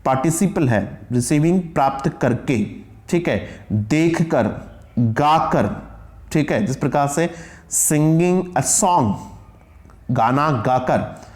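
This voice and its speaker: A man's voice: fairly high pitch, lively intonation, slow pace, a little mellow. A middle-aged man teaching English grammar, asking questions and reading example sentences word by word. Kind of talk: classroom lecture.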